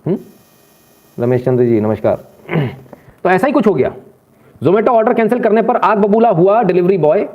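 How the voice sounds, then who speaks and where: A man giving opinionated news commentary, lecturing his viewers in an indignant tone. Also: on the high side. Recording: tinny phone-like sound.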